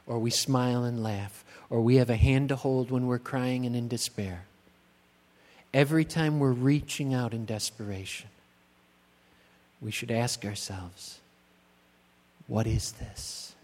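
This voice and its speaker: A middle-aged man, a pastor, preaching a sermon in a church, slow and emphatic, building on repeated rhetorical questions. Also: medium pitch, a little mellow. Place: church sanctuary. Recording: long church-hall reverb.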